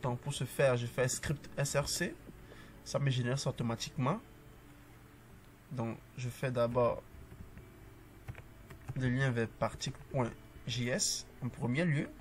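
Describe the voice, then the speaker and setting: A man giving a casual coding tutorial, calmly talking through each step as he types and tossing in upbeat asides to the viewer. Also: mid-range voice, a little slow, long pauses, a little hiss or hum.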